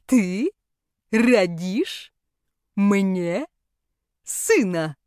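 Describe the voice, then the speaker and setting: A woman voicing an arrogant, domineering aging male rector of a magic academy in an audiobook, speaking slowly and haughtily. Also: medium pitch, lively intonation, darkish tone, no room sound, studio quality, natural voice. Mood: haughty, menacing. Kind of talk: audiobook character voice.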